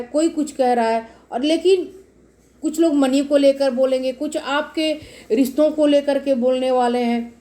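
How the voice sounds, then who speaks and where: A woman's voice: high voice, warm tone. A woman giving a casual tarot reading to her viewers, explaining each card at length and speaking to them directly. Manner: explains cards repetitively, addresses viewers directly. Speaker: tarot reader.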